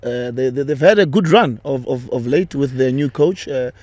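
Mellow-voiced young man hosting a football talk. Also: mid-range voice, moderate pace, no room sound. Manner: hesitant, many fillers and restarts. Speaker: football podcast host. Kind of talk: interview questions. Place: outdoors on a sunny football field. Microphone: handheld mic on a stand.

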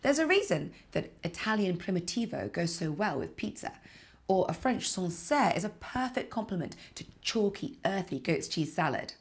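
Lively woman giving wine tips. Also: fairly low pitch, normal speed. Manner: lively, expressive, emphatic gestures. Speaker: wine presenter. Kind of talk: scripted tips to camera. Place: home living room, indoors.

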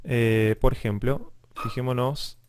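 A man lectures on music theory in a steady, explanatory way. His voice sits at a middle pitch, and he keeps checking in with his students as he goes. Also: slow, a little hiss or hum. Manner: explanatory, checks understanding with frequent "¿sí?". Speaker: music teacher. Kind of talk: online class lecture.

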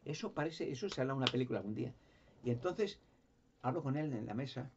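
A man's voice: mid-range voice, expressive, fast, dull audio, background noise. A man telling his own story in a rambling monologue, often stammering and repeating words as he searches for them. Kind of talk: rambling first-person monologue.

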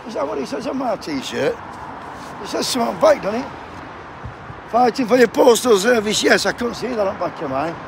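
A striking postal union picketer from Sheffield, England, with a Yorkshire accent, chats and jokes with passers-by in a casual vlog, cold and swearing freely. His voice is high with big pitch swings, and he talks fairly quickly. The outdoor picket line sits beside a busy road, so traffic noise fills the background.

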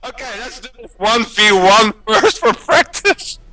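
A man's voice: high voice, unhurried, a crowd in the background. A man chatting and laughing with friends during an online multiplayer game. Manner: laughing, excitable. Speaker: gamer. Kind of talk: casual multiplayer banter.

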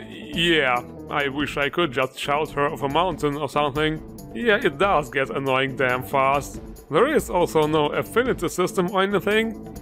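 Higher-pitched sardonic man reviewing games. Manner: sardonic, exasperated, foul-mouthed. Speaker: video game mod reviewer. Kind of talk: sarcastic scripted review narration.

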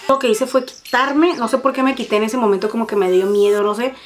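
Fast-talking Mexican woman telling a story. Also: fairly high pitch, fairly even intonation, background noise. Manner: fast, profane, dramatic storytelling. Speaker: vlogger. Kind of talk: casual storytime chat.

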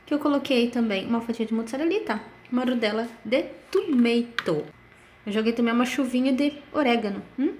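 A woman's voice: a little high, fairly quick, a little mellow, slight background noise. A woman in a casual cooking vlog, chatty and playful. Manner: chatty and playful, sings silly made-up French lyrics. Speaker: vlogger.

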